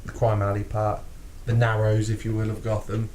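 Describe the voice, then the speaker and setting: The voice is a fairly low-pitched British man's, moving at a normal speed, with a little hiss or hum on the recording. Co-hosting a casual podcast, he swears freely, laughs frequently and acts out quotes animatedly.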